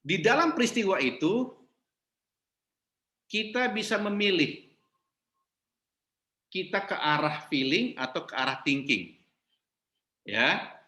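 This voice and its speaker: A man teaching a church marriage class, explaining calmly and asking his listeners questions. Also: high-pitched, slow, long pauses. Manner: interactive, asks the class questions; mixes English terms into explanations.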